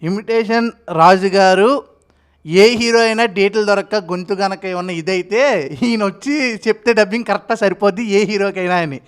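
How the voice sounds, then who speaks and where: A male interviewer with a notably high voice, enthusiastic and full of praise for his guest. He keeps the chat casual and upbeat. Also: normal speed, clean tone. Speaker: interviewer host.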